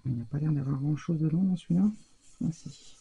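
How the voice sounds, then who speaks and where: Chatty woman, low husky dark voice. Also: a little fast, dull audio. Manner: chatty, hesitant, many fillers and restarts; stumbles over English product names. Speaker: scrapbooking crafter demonstrating. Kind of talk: casual craft tutorial.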